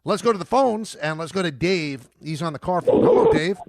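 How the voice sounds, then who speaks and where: A man's voice: a little high, lively intonation, a little fast, dry recording. A middle-aged man hosting a sports talk radio show, emphatic and argumentative, repeating his points.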